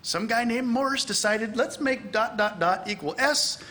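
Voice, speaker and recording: In a large church hall, a middle-aged conference speaker lectures from the pulpit at a measured pace, his voice high. He's animated, performing pieces of dialogue in a raised voice.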